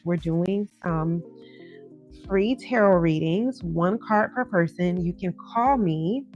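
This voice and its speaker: A woman's voice: mid-range voice, darkish tone. A woman hosting a live psychic hotline as a tarot card reader, talking in a conversational, encouraging and directive way. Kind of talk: psychic hotline patter and casual advice. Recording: dull lo-fi sound with music behind.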